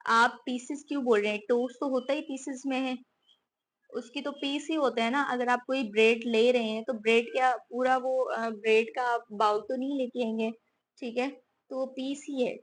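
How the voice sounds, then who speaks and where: A woman from Pakistan, casually lecturing on English grammar and often checking in with rhetorical questions. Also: on the high side. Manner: explains with repeated "theek hai" and rhetorical questions. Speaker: teacher explaining English grammar.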